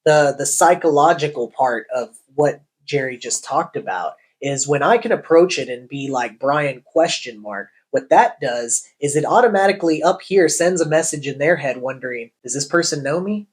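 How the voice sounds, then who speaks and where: A real estate agent runs a sales training on cold calling, speaking expressively at a moderate pace with few pauses. As he explains, he acts out call lines, shifting his pitch.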